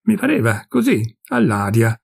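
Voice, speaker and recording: A big, jovial fellow in his fifties, voiced by a man reading a story aloud, spilling confidences with smug good humour. His voice has a gravelly edge. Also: mid-range voice, huge pitch swings, normal speed, full character voice. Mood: chatty. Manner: gossipy, confiding, pleased with himself.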